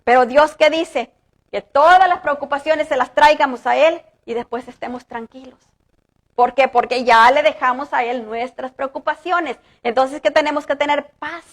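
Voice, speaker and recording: High-voiced woman pastor preaching earnestly. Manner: earnest, rises with emphasis, slows to read scripture. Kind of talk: sermon. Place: church.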